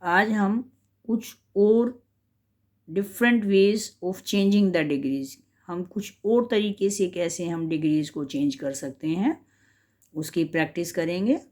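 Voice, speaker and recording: A woman language teacher explaining a grammar lesson slowly and carefully, switching between English and Hindi. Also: fairly low pitch, a little mellow.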